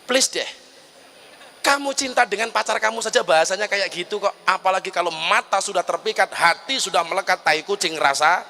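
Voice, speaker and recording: A man's voice: sits high, a little fast, creaky, sharp tone. A middle-aged man preaching a humorous sermon, full of joking asides. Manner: joking asides, then chanting and singing verses.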